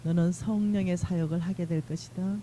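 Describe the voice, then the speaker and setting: A woman voicing the Lord as a gentle fatherly figure, speaking softly and slowly to his daughter. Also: on the low side, fairly even intonation, a little hiss or hum, lightly acted, rough recording. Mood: tender.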